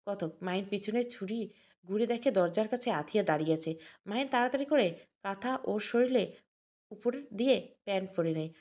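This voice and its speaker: A woman's voice: medium pitch, expressive, brisk, a little mellow. A woman narrating an audio story and reading every character's lines herself, naming each speaker before the line.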